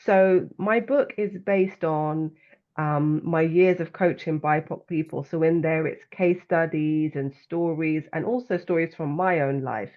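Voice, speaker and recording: A woman's voice: deep voice, unhurried, phone-quality sound. A woman with a London accent, a guest author and coach, speaking earnestly and reflectively in a conversational interview. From London, England.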